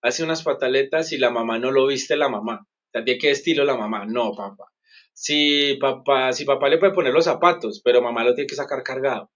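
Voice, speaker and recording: Guesting in a conversational interview, a psychologist speaks earnestly and explanatorily, correcting himself and frequently asking "¿sí me entiendes?". He talks briskly in a mid-range, slightly bright voice, and the highs are cut off.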